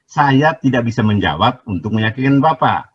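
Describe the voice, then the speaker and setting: Man arguing on a live stream, keeps repeating himself, pitch jumps all over, muffled sound. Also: lively intonation, moderate pace, breathy edge. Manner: insistent, repeats himself to get a word in. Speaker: debater in a live online argument. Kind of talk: heated live debate.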